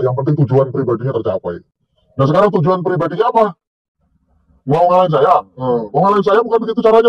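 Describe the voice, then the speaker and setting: Vlogger, male, middle-aged, husky, sneering and taunting, self-shot outdoors, muffled lo-fi sound. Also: medium pitch. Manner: mocking, scornful, taunting with laughs. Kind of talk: casual rant to camera. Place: outdoors by a tree near a corn field. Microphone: self-recorded on a handheld camera or phone.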